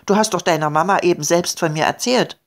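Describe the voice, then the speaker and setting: A woman's voice: lowish voice, fairly quick, lightly acted. A woman voicing a cheeky, fluffy sky-blue creature that makes a mess, indignant and mischievous in manner.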